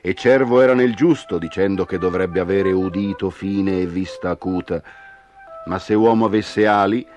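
A man's voice: deep voice, moderate pace, darkish tone, muffled recording, faint music behind, natural voice. A man voicing a clever male coyote trickster in a storybook tale, smug and patient.

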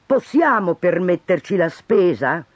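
A man's voice: high voice, big pitch swings, unhurried, no room sound, highs cut off, pitched above the performer's own voice, heavily acted. A man doing fretting stingy councillors. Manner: fretting, grumbling. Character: worried stingy male town councillors.

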